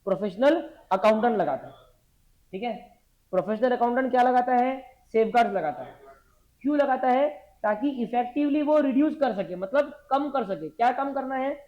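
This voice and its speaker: A man's voice: extremely high pitch, animated, fairly quick, darkish tone. Man teaching, drilling the class with questions. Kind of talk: classroom lecture, dictating notes. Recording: dull lo-fi classroom recording.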